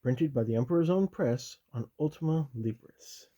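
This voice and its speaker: A man voicing a stern, loyal commissar who reads a military handbook aloud in whispered role-play, measured and officious with dry asides. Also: mid-range voice, dark tone, highs cut off, natural voice.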